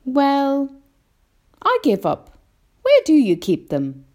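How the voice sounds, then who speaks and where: A woman's voice: sits high, huge pitch swings, slow, a little mellow, voice pushed up, heavily acted. A woman voicing a small, curious, polite boy in a storybook, earnest and full of wonder. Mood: incredulous. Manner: earnest, wide-eyed.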